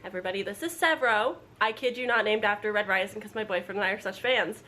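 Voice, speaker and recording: Here the book vlogger talks fast, her medium-pitched voice pushed and bright as she announces a readalong. Her delivery is informal and meandering, with plenty of side comments. It's recorded at home, with room noise and a household appliance audible.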